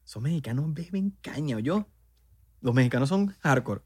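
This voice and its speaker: A man's voice: mid-range voice, animated, normal speed, a little mellow, breathy edge, no room sound. A young man with a Venezuelan Spanish accent, chatting casually and joking in slang, slipping into mock voices. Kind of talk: casual chat.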